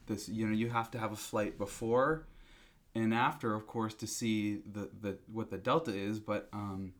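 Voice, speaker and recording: A man speaking as a company representative in a business interview, explaining in a halting, conversational way. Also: lowish voice, fairly even intonation.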